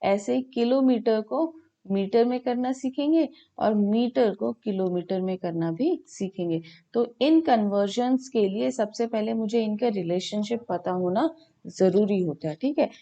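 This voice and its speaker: A woman teaches a maths class over a video call from home, checking in with "okay" after nearly every step. Her voice sits in a middle pitch, mellow and soft at the edges, with a gravelly rasp in it. She asks her students questions and then answers them herself. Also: measured pace. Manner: repeats "ठीक है" often, mixes Hindi and English, asks and answers her own questions. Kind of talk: online class lesson.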